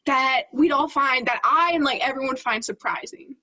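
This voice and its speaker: A woman's voice: high voice, moderate pace, bright, forceful tone. A young woman acting as a student interviewer, asking eager, bubbly questions. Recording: slightly dull lo-fi sound.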